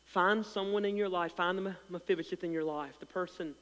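A male pastor preaching a sermon with a slight lisp, swinging from loud passionate swells to quiet, soft asides and repeating words as he builds. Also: high-pitched, steady tone, fairly quick, long reverb tail. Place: church sanctuary.

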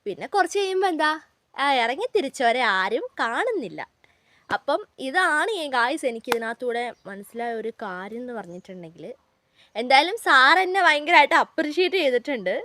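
A woman's voice: high voice, very animated, fairly quick, fairly bright tone, dry recording. A young woman, chatting to her viewers as she tells a story from her school days on her vlog. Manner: chatty, keeps addressing viewers as guys. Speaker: vlogger.

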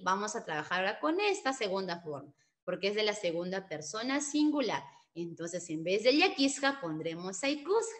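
A woman's voice: mid-range voice, pushed and bright. A woman teaching a language lesson, patiently explaining and drawing out model words and mixing in encouraging words from another language. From Peru. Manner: slow, drawn-out model pronunciations with patient explanations; sprinkles encouraging Quechua words into Spanish.

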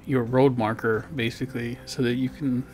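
A man with a mid-range, somewhat dark voice talks at a moderate pace in a flat way. He is a digital painter and video host, rambling casually through a voice-over about his painting, full of fillers and restarts and poking fun at himself. Guitar music plays in the background.

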